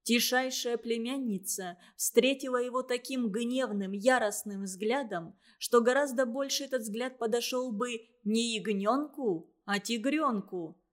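A woman's voice: fairly high pitch, a little slow, few pauses. Woman narrating a children's story. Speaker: audiobook narrator.

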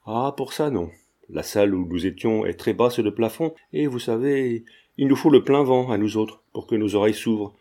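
A man's voice: fairly low pitch, normal speed, warm tone. A man voicing a genial old retired druggist who feigns deafness, talking in a sly, affable way.

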